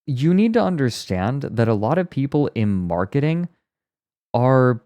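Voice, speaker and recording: With big pitch swings in a warm, mid-range voice, a man chats casually on stream as he reacts to a video, rambling and explaining with wry asides. His pace is a little slow. He records into a close mic inside a blanket fort for sound deadening, which muffles his voice, and there is no echo.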